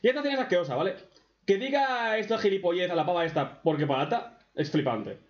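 A man's voice: sits high, lively intonation, quick pace. A man with an accent from Spain, doing crude, sarcastic reaction commentary as a streamer. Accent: Spain Spanish. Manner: foul-mouthed, sarcastic, mocking. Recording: echoey room, dull lo-fi sound.

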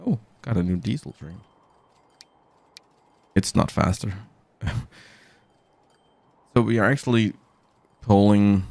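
A man's voice: lowish voice, takes it slowly, vocal fry, pauses often, a little mellow, dry recording. A man rambling chattily to his viewers during a casual live game stream, speaking into a studio mic through a mixer. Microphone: studio mic through an audio mixer.

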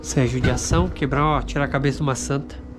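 A man's voice: medium pitch, fairly even intonation, fast. A man with a southern Brazilian accent giving casual commentary while exploring an abandoned wooden house. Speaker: paranormal investigation vlogger. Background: loud music.

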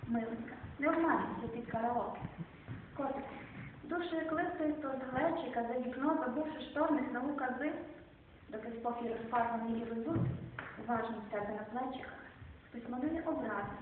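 Woman, poetry reading, measured recitation, fairly high voice, far from the mic, echoey hall, tinny phone-like sound, noisy background. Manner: slow, measured poetic recitation with quiet endings. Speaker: poet reading at a club evening. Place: club or small hall. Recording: distant, echoey phone-quality room recording.

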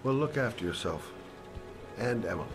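A man acting a gruff but kindly middle-aged detective in a video game drama, with stilted, hammy line readings. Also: on the low side, lively intonation, moderate pace, music in the background, close to an everyday voice. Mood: gentle.

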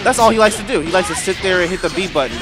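Gaming host, man, high voice, excitable live commentary with outbursts, game music audible behind. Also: very fast. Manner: excitable, talks to the screen, frequent outbursts and shouts.

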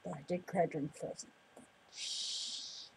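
A woman's voice: fairly low pitch, lively intonation, fairly quick, background noise. A teenage girl hosting a casual vlog, bubbly and giggly, rambling between topics. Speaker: vlog host. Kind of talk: casual chat.

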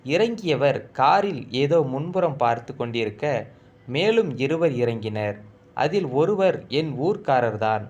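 A man's voice: fairly high pitch, very animated, a little slow, a little mellow, lo-fi sound. A man narrating a first-person story in a solemn, emotional reading.

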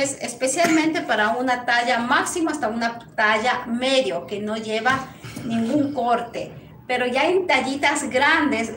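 A woman from Ecuador with an Ecuadorian Spanish accent, teaching a live sewing lesson in a small workshop and often checking in with "¿sí?" between blessings. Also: a little high. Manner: warm blessings and greetings, frequent "¿sí?" check-ins. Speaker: sewing instructor. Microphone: lapel mic on a camera set back. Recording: echoey room, distant mic, noisy.

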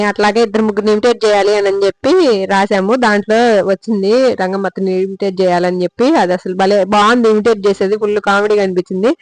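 A woman's voice: medium pitch, darkish tone, no echo, rough recording. A woman vlogger chatting through a casual voice-over and talking straight to her viewers. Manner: chatty, addresses viewers directly.

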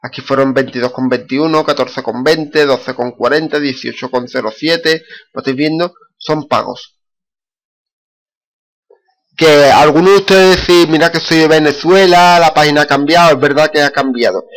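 A man's voice: a little high, moderate pace. A man with a Spanish accent casually talking through his screen recording, with many fillers and restarts. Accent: Spain. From Spain. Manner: repetitive, frequent fillers and restarts. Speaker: screencast vlogger.

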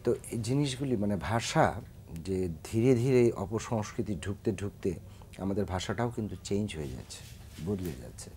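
An earnest man with a Bangladeshi Bengali accent, a singer guesting on a talk show. His voice sits low and mellow. A faint hum runs under the studio recording. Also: lively intonation, moderate pace. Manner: earnest, lecturing about proper pronunciation. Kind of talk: studio interview.

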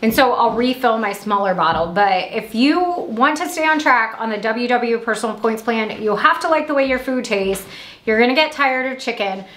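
A woman in her thirties from Indiana, chatting upbeat at home through a grocery haul vlog, with quick asides. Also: fairly high pitch, expressive, fairly bright tone, roomy sound. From Indiana, USA. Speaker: vlogger. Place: small room at home.

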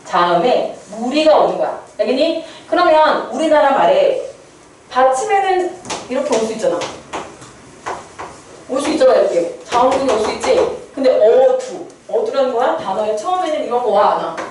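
A woman teacher talks her class through a lesson, tossing questions to the students and answering them herself. Her voice is a little high and swings up and down. The recording is very echoey and distant, with a faint hum of room noise underneath. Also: very animated, a little fast, a little mellow. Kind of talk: classroom lecture.

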